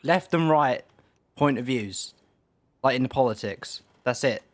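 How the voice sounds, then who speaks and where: Man, streamer, rambling rant, dry close sound, mid pitch. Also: unhurried, dry recording. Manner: rambling, profane, many restarts. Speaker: game streamer.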